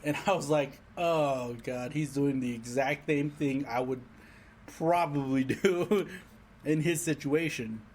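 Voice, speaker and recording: Animated man, casual, slightly high voice. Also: slow pace, slight background noise. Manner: animated storytelling, casual swearing. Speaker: podcast co-host. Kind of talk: casual chat.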